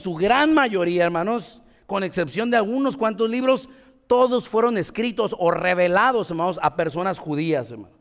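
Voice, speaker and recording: A man's voice: high voice, fairly bright tone. A man pastor giving a conversational sermon, constantly addressing the congregation as brothers and checking in with them. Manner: conversational preaching with frequent "hermanos" and "¿verdad?". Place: church hall. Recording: reverberant church hall.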